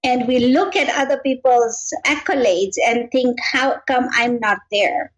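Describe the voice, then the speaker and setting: A woman's voice: on the high side, a little slow, poor audio. A woman from Kenya in her fifties, a guest telling her life story in an earnest, reflective way. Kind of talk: interview conversation.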